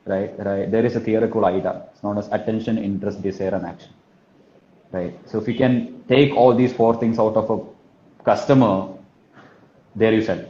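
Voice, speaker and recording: With a lowish voice, this man from Kerala gives informal telesales-style coaching in Malayali-accented Indian English, repeating himself for emphasis and often adding "right?" or "you know what I mean?" The audio is dull and muffled, echoing in the room, with slight background noise.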